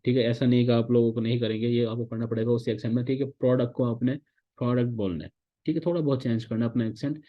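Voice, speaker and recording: A man from Pakistan teaching a class of interns, explaining patiently and mixing in English phrases. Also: mid-range voice. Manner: explains patiently, repeats "ठीक है" often, mixes English phrases. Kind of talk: online class lecture. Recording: dull lo-fi sound.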